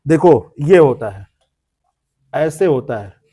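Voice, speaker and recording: A man's voice: a little high, expressive, slow pace, warm tone, slightly rough. A man teaching a classroom lecture, explaining word meanings, repeating terms and quizzing students by name. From India.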